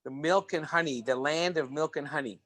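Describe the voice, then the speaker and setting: A man's voice: on the high side, fairly quick, fairly bright tone, poor audio. A man hosting a video-call gathering, introducing guests with playful, repeated phrases. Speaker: host.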